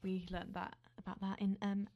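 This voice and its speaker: Young woman cohost, mid pitch, playful, jokey news chat. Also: monotone, moderate pace, lo-fi sound. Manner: playful, reads quotes aloud, jokey. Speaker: podcast co-host.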